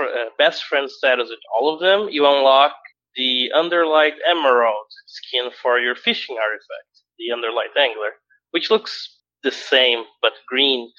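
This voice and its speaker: A man's voice: medium pitch, pushed and bright, muffled recording. A man co-hosting a casual gaming podcast, chatty and explanatory, laughing often. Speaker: podcast co-host.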